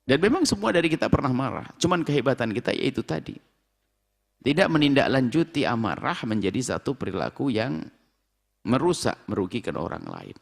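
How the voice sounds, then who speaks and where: Lively male preacher in a reverberant hall. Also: mid-range voice, creaky. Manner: lively, emphatic, with drawn-out phrases. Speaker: Islamic preacher. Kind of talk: sermon.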